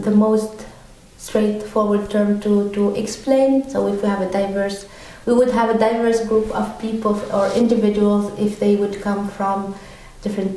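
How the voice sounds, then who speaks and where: A woman's voice: mid-range voice, mellow. Woman, from Tunisia, podcast guest, hesitant, lots of ums, far from the mic, very echoey room. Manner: hesitant, many ums and restarts. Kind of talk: conversational interview answers.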